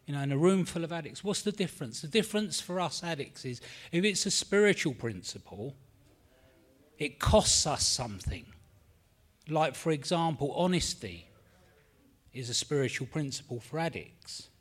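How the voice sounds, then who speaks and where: Husky and a little high, this middle-aged London man speaks at normal speed with an animated delivery. He shares his story at a recovery meeting in a meeting room in a rambling, candid way, with a London accent, free swearing, and an admission of nervousness.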